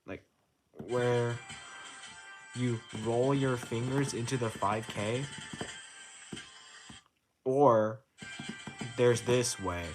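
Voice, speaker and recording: A young man casually explaining how to play a rhythm game chart, counting out note timings aloud and swearing in passing as he restarts his sentences. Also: on the low side. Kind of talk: casual tutorial commentary. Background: rhythm game music.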